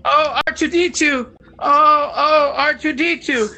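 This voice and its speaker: A man doing a quick impression of a fussy, anxious robot butler, hurried and fretting. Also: very high-pitched, bright, forceful tone, voice pushed up, heavily acted, low-quality recording. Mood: fretful. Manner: fretful, hurried, deliberately rough impression.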